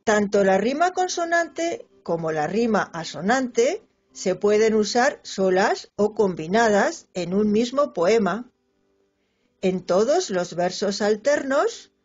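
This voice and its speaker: A woman with a Spanish accent reads a children's poetry lesson slowly, her pitch rising and falling widely as she stretches out the example words. Her voice is a little breathy, and the recording sounds dull, with soft music underneath. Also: big pitch swings. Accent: Spanish from Spain.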